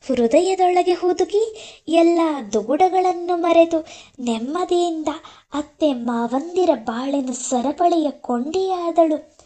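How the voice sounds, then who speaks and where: Slow, mellow woman reading a novel. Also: high voice. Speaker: audiobook narrator.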